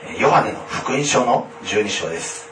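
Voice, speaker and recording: A man preaching a sermon in a formal, measured way, often pausing on hesitant fillers. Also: lowish voice, animated. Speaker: pastor. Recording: echoey room, distant mic, faint noise.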